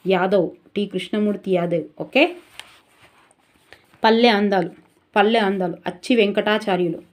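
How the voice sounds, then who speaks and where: A young woman with a Telangana Telugu accent tutors students for exams, chanting key words in sing-song drills as memory tricks for revision. Her medium-pitched voice is slightly mellow, with fairly even intonation and a normal pace.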